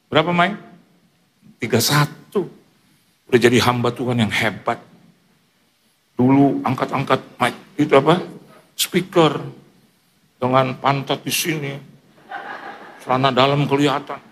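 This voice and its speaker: A man preaching in a church, telling a funny story with lively quoted asides and frequent laughter. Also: medium pitch, unhurried, pauses often, slight background noise. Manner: animated, joking, mimics others in quoted asides. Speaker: pastor. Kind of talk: sermon with humorous storytelling.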